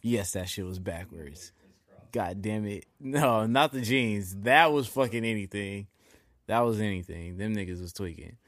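A man co-hosting a sports podcast in loose, profane casual chat, telling animated stories. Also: fairly low pitch, unhurried, dry recording. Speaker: podcast co-host.

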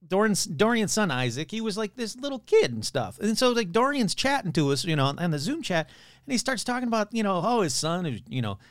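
A man's voice: high voice, a bit bright, clear, resonant tone, no room sound, studio quality. A man hosting his podcast, chatting casually in a loose, rambling, playful way with some swearing. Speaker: podcast host.

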